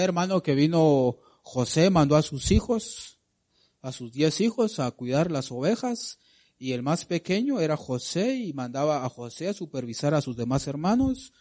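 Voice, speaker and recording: A man with a medium-pitched voice preaches a sermon to a church congregation, addressing them as brother and sister and posing questions to them. His delivery swings from loud climbs to soft drops.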